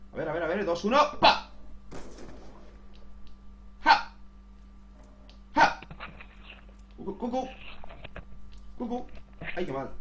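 Excitable gamer man, echoey. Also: mid-range voice, slight background noise. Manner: excitable, swears, says "tío" constantly. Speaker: gaming youtuber. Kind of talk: casual gameplay commentary.

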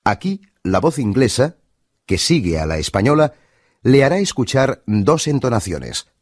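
A man with a Spain Spanish accent reading scripted narration for an English course, in a clear and deliberate teacher's delivery. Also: mid-range voice, big pitch swings, dry recording, studio quality.

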